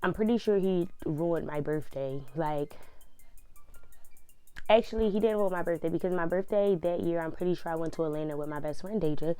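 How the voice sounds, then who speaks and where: A young woman telling a story in a casual vlog, blunt and profane, animated as she goes. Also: on the low side, fairly quick, clear, resonant tone, soft background music.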